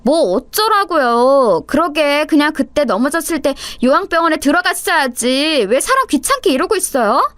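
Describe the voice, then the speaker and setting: A woman voicing a spiteful, scornful middle-aged daughter-in-law in a storybook reading, her talk sneering and shrill. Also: lively intonation, moderate pace, hardly any pauses, a bit bright, no echo. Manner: sneering, then shrill and pleading.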